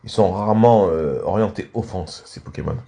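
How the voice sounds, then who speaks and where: Low-pitched and warm, this male host gives relaxed commentary on video game matches at a moderate pace. A mild cold leaves him a bit congested, and he keeps coughing and clearing his throat.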